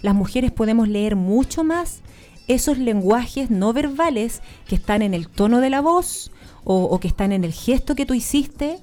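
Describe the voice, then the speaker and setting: A Chilean woman with a somewhat high, mellow voice talks through her ideas in a lively, explanatory way. She is a guest speaker in a relaxed interview. Soft music plays faintly behind her. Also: moderate pace. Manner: animated, explanatory. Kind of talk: casual interview chat.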